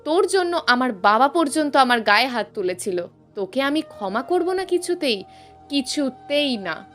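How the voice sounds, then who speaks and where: Woman reading as a curt angry young man, high lively voice, soft music behind. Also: moderate pace. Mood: resentful. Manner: bitter and curt.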